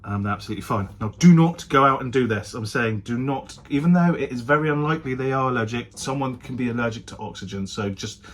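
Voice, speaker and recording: Medium-pitched and animated, this man talks fast with hardly any pauses. In his casual vlog to camera, he chats away while hedging his claims and correcting himself.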